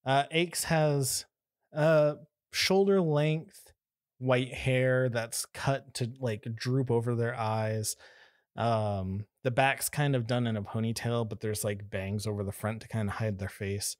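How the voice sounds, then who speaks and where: Casual laughing game master, dry sound. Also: male voice, mid-range voice, steady tone, slow, dry recording. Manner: casual, laughing often, many fillers. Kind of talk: narrating a tabletop game.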